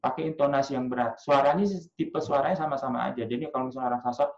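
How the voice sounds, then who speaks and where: A man coaching parents in storytelling, talking in a lively, demonstrative way with frequent filler sounds. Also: medium pitch, rapid-fire, reverberant, muffled recording. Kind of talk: casual workshop talk to parents.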